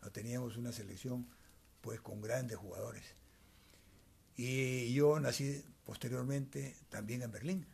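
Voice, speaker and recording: Gravelly husky older man. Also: mid-range voice, darkish tone. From Peru. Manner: measured, storytelling, tags remarks with asides. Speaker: guest. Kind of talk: reminiscing interview. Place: small cluttered decorated room, indoors. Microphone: handheld wired mic held by interviewer.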